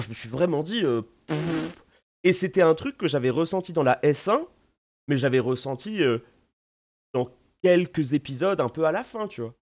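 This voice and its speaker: A man from France with a French accent, chatting casually to his viewers in an animated, slangy way, full of fillers and restarts. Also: medium pitch. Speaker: streamer. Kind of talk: casual recap chat to viewers.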